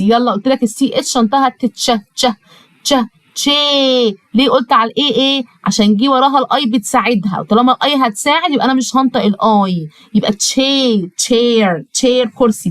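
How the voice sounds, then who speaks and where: Egyptian woman drilling English words slowly. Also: a little high, no echo, poor audio. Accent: Egyptian Arabic. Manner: addresses the child directly, repeating words slowly syllable by syllable. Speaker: English teacher for primary pupils. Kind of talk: online lesson with spelling drills.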